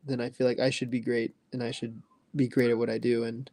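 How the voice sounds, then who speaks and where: With no echo on the recording, a twentysomething man chats casually while answering his livestream chat, rambling with lots of fillers. His medium-pitched voice is brisk and warm-toned but flat in delivery.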